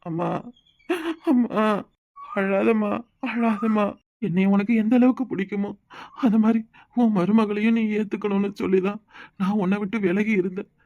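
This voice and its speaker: A man's voice: high voice, fairly even intonation, normal speed, long pauses, muffled recording. A man voicing a young married son who speaks a southern Tamil village dialect and complains to his mother that he feels hurt and abandoned, in a cartoon. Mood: hurt, resentful. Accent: southern Tamil Nadu village dialect. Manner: aggrieved, emotional complaining. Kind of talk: cartoon voice acting.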